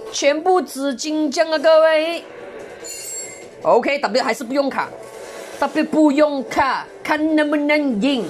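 A woman doing excitable live gameplay commentary, full of exclamations and mild curses. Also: high-pitched, slight background noise. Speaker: game streamer.

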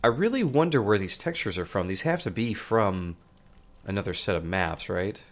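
A man in his thirties, stuffy-nosed from a cold, hosts a let's play and comments on the game at a moderate pace. He opens with a lively greeting, then drops into low, muttered thinking aloud as he plays. He's recorded indoors at home, among shelves of plush toys, on a large studio mic mounted on a boom arm.

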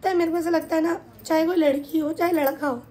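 A woman's voice: very high-pitched, fast. A woman vlogger in a home kitchen, telling a family story casually and acting out what people said. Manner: animated, retells events with quoted dialogue.

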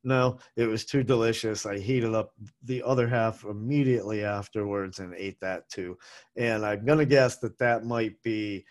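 In a small home room hung with posters, a middle-aged man reviews food in a loose, talkative monologue full of asides and self-corrections. His voice is lowish and his pace moderate. He uses a boom-arm desk microphone, with webcam framing.

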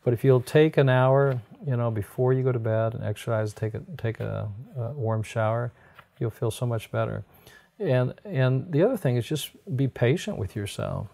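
Speaking at a normal pace with a creaky, dark, medium-pitched voice, a middle-aged American man shares health advice conversationally. He's a doctor and program host, explaining things in a folksy way from a sofa in a book-lined room.

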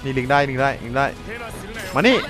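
A man with a Thai accent giving casual, excitable commentary over a video game, repeating catchphrases as he plays. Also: medium pitch, a little fast, music in the background, rough recording. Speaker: gameplay commentator.

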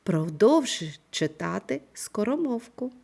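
A woman teaching a primary school reading lesson, speaking slowly and clearly in an instructive manner. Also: medium pitch. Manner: slow, clear, instructive delivery with lively intonation. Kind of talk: scripted online reading lesson.

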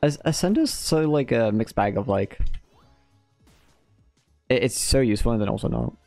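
Young man, lowish voice with gravelly fry, mellow tone, laughing easy gaming chat, faint music behind. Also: moderate pace, dry recording. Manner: laughs often, relaxed banter. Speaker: rival speedrunner. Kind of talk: casual chat while gaming.

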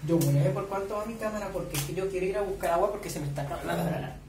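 A man with a Colombian Caribbean coast accent reacting excitedly to a series, swearing often and breaking into shrieks and squeals. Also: high voice, racing. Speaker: reaction vlogger. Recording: echoey room, distant mic, faint noise.

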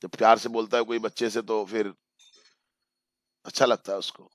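A male English teacher explaining a story line by line in a bilingual lesson. He reads the English slowly, then paraphrases it and repeats phrases for emphasis. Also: on the low side, level tone, dry recording, studio quality.

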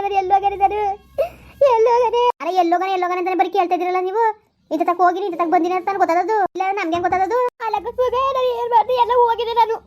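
A woman's voice: very high-pitched, darkish tone. Woman doing a whining old village wife. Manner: whining, pleading protests. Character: old village wife, defensive and self-pitying. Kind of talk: village comedy skit.

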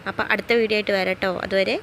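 A woman's voice: mid-range voice, flat delivery, rapid-fire, fairly bright tone. A young woman, a mother and vlogger, narrating a casual family vlog in an easygoing, chatty way, speaking straight to her viewers. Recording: noisy phone vlog audio.

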